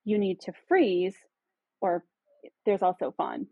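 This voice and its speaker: Guest, woman, husky voice, dry muffled sound, reflective and explanatory. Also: lowish voice, lively intonation, slow pace, no room sound. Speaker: podcast guest. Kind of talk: casual conversation.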